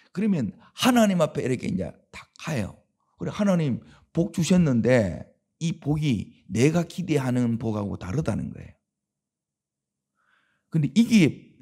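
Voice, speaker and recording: A man's voice: fairly high pitch, creaky, warm tone, breathy edge. A man preaching a dawn sermon as pastor, with a Gyeongsang Korean accent, talking conversationally and asking the congregation rhetorical questions.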